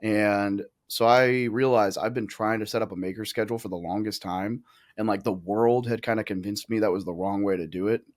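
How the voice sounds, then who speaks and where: A man in his thirties, a podcast guest, talking in a casual, profane way with quick asides and restarts. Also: on the low side, fairly even intonation. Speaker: podcast guest, real estate investor. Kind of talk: casual conversational interview.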